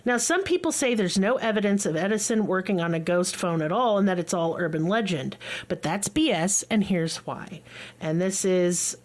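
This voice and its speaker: A woman hosting a podcast, telling a story in casual chat, blunt and excitable, with swearing. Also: lowish voice, moderate pace. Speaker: podcast co-host.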